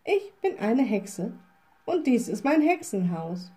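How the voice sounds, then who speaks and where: A woman voicing a mischievous, idle little witch in a storybook reading, with a sly, lively manner. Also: fairly high pitch, takes it slowly. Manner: grumbling, then sly and lively.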